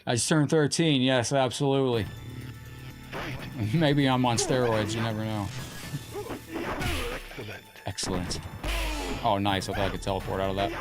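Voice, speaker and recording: A man's voice: medium pitch, steady tone, normal speed, pauses often, over loud music. A man hosting a live gaming stream, chatting casually with viewers as he plays at his desk at home. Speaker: game streamer.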